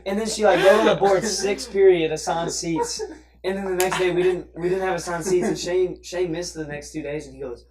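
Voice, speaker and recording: A teenage guy chatting casually with friends, telling stories animatedly and acting out quotes loudly. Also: high voice, steady tone, fast, hardly any pauses, background noise. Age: teens. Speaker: podcast co-host. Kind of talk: casual chat among friends.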